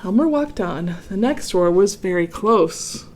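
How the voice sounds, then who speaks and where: A woman's voice: medium pitch, lively intonation, a little slow, noisy background. A woman reading a children's picture book aloud and chatting to kids about the story in a friendly way.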